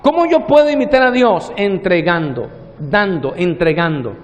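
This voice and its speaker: A man preaching a sermon as pastor, slowing down on key words and acting out the characters' lines in a story. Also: high-pitched, expressive, in a large hall. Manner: preaching with long slow pauses, acting out the parable's dialogue.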